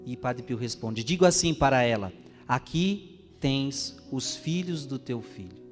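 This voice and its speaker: A man's voice: mid-range voice, expressive, measured pace. Man preaching in an echoing church. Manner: reads an interview aloud, voicing both sides with rising emphasis. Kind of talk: sermon. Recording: long reverb of a church hall, faint music.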